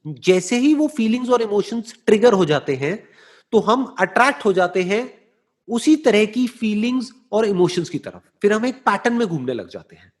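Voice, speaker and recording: Male motivational speaker with a high register, measured and explanatory, mixes in English phrases. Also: very animated. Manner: slow, deliberate explaining with rhetorical check-ins. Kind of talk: explanatory talk answering a listener.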